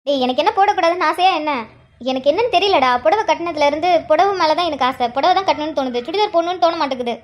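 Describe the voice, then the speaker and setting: Cartoon role: high, bright-voiced older sister, affectionate and quick to tear up. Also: female voice, lively intonation, dull audio. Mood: playful. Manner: affectionate, teasing, tearful at times. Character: warm older sister and young mother, emotional. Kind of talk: cartoon drama voice acting.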